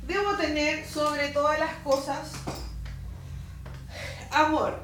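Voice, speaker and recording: A Chilean woman teaching at a Bible institute, sharing a personal testimony in an informal, animated storytelling manner and acting out dialogue. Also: high-pitched, slow pace. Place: classroom. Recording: distant mic in an echoey room, faint hiss.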